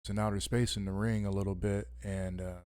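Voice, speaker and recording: A man's voice: lowish voice, flat delivery, fairly quick, a little mellow, clean tone, no echo, clean studio sound. A man hosting a late-night wrestling podcast from home, speaking in a radio-host style with casual fillers. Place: home at midnight.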